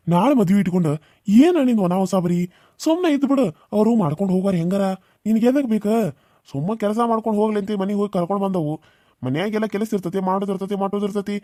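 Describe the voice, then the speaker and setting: An older village father figure from a cartoon serial who coaxes the family toward calm. He speaks with a North Karnataka accent. His voice sits high and quick, recorded dry. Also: dry recording. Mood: coaxing. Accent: North Karnataka Kannada. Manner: coaxing, fatherly.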